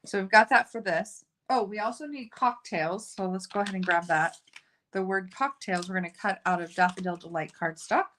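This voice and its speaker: This woman's medium-pitched, slightly bright voice moves at a moderate pace as she hosts a casual live card-making tutorial. Chatty and self-narrating, she jokes about her slips, and slight background noise can be heard.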